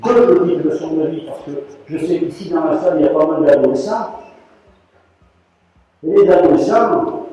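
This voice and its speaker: A man's voice: on the high side, normal speed, pauses often. An older man, a rug weaver, telling stories to an audience and animatedly acting out the voices of people in them. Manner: animated, acts out quoted voices. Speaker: rug weaver giving a talk. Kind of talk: storytelling talk to an audience. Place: large hall. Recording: dull, echoey hall recording from far off.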